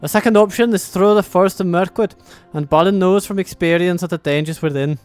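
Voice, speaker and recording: A proud dwarf herald with a put-on Scottish brogue, voiced by a man, reads the quest in a grand, old-fashioned tone. His pitch sits somewhat high, and faint music plays underneath. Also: brisk, darkish tone, clean tone, natural voice. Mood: solemn. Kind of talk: dramatic reading of game briefing text.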